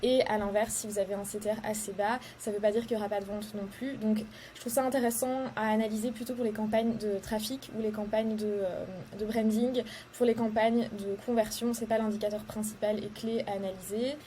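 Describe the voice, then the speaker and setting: A woman's voice: medium pitch, level tone, fairly quick, hardly any pauses, dark tone, a little hiss or hum. A young woman from Belgium explaining ad metrics in a casual tutorial, hesitant and full of fillers, going step by step. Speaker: social media ads coach. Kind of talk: casual tutorial talk to camera.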